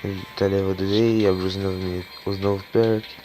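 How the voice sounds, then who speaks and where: A gaming YouTuber with a cold and a hoarse, low-pitched voice opens card packs at a moderate pace, giving casual gameplay commentary. He swears freely and gets excited whenever cards are revealed, and the poor-quality audio has game music playing behind him.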